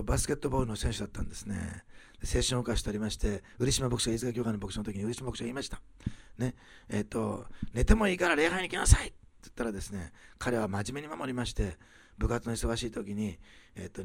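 A man preaching a sermon, rising loud on key phrases and dropping to soft, quiet asides. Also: mid-range voice, creaky, husky, no echo. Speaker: pastor.

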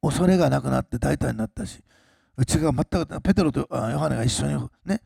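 A pastor preaching a sermon, swinging between loud, slowed emphasis and quiet, low asides to the congregation. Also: male voice, creaky, breathy edge, no room sound, studio quality.

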